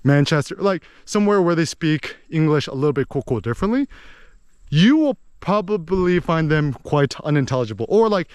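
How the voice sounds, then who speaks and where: A man's voice: on the high side, normal speed, clean tone, no echo. Resonant chatty man in a dry room. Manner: rambling, full of "like" and "you know"; animated, slips into impressions of accents. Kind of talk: casual explanatory chat.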